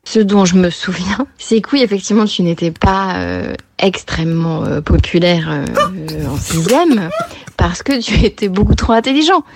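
A woman leaving a hesitant voice message, pausing often as she recalls things. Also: mid-range voice, animated. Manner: hesitant, with many pauses. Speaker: listener sending a voice note. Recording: noisy voice message.

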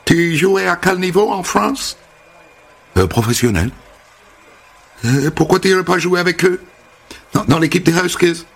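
A woman's voice: fairly low pitch, animated, a little slow, pauses often, breathy edge, voice pushed up, heavily acted. A man voicing a bubbly, chatty young American hairdresser woman who gushes and stammers slightly. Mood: gushing. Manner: gushing, effusive, stammers slightly.

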